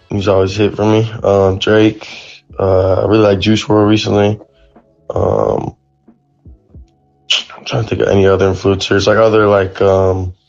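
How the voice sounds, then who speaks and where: A man's voice: low-pitched, gravelly, a little mellow. A young man from North Carolina, a rapper guest answering questions in a laid-back, slangy way. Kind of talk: casual interview chat. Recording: lo-fi live stream audio with faint music.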